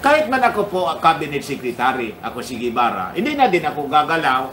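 A man's voice: fairly high pitch, sing-song, quick pace, a bit bright, distant mic, slight background noise. A man hosting a casual political commentary livestream, chuckling often and greeting his viewers by name. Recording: echoey room.

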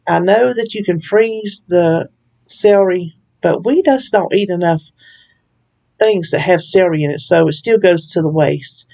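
A woman's voice: fairly low pitch, creaky, mellow. A woman hosting a home cooking video, talking through a recipe in a chatty, folksy way with frequent laughs. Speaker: cooking channel host. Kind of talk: casual recipe walkthrough.

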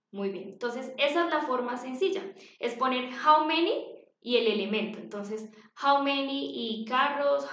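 A woman's voice: on the high side, fairly bright tone. A woman teaching an English lesson to young children, patient, repeating words for them to copy. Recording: dull, echoey home recording.

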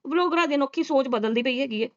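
A woman vlogger delivers sarcastic reaction commentary in a high, fast voice on dull-sounding audio. She scolds and mocks, leaning on rhetorical questions.

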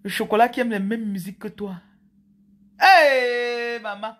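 A woman's voice: medium pitch, steady tone, fast. A woman, talking playfully and chattily to her viewers as a spiritual coach. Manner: playful, chatty, teasing asides. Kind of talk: casual monologue to viewers.

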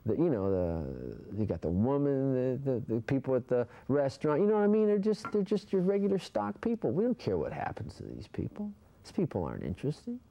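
A young man gives a casual interview in a room, talking in an animated, rambling way with lots of fillers. His voice has a very dark, mellow tone. He sits at a mid pitch for a man. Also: fairly quick, vocal fry. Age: young adult. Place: indoor room.

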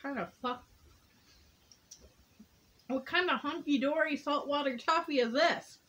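A woman's voice: sits high, a little slow, a bit bright, rough recording. Blunt, joking woman taste-testing snacks. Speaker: snack box reviewer. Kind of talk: casual taste-test chat. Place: living room couch, indoors.

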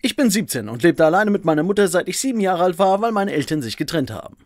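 A young man telling a story in the first person, his voice fairly high and swinging widely in pitch. He narrates with expressive emotion. The recording is dry and close, with no room sound. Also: fast, no echo.

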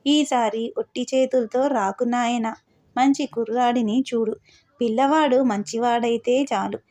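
A woman reading as a gently insistent older mother. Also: a little high, steady tone, measured pace, lightly acted. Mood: pleading.

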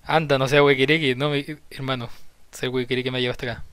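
A man's voice: medium pitch, little pitch movement, fast talker, a bit bright, smooth, dry recording. A young Chilean man streaming a horror game live, nervous and swearing, repeating lines when scared. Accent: Chilean Spanish. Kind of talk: live horror gameplay commentary.

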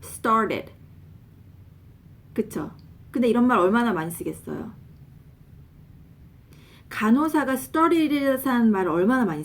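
A woman casually coaching pronunciation, drilling words slowly and spelling them out letter by letter. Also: mid-range voice. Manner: animated, laughs often. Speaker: English pronunciation teacher, nurse.

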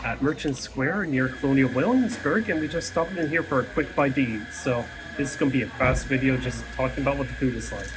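A man's voice: medium pitch, a little fast, hardly any pauses, poor audio. A middle-aged man hosting a casual travel vlog, reviewing cafe food in a chatty way with frequent fillers, filmed at arm's length at a cafe table. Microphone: handheld camera at arm's length. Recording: music playing under the voice.

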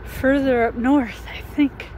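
An older woman walks along a residential street, a little short of breath, musing aloud in an unhurried, drawn-out way. Her voice sits a touch higher than most. It is picked up on a handheld phone outdoors, with clear street noise and cars going by. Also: steady tone. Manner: chatty, slow and musing, talking while walking. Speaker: vlogger. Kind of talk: casual walking vlog.

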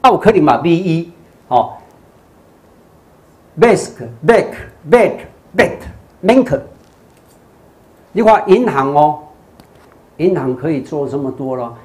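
A man's voice: fairly high pitch, moderate pace, darkish tone. An older man, a Buddhist monk with a Taiwanese Mandarin accent, giving a televised English lecture, spelling words out letter by letter and slipping into Taiwanese Hokkien.

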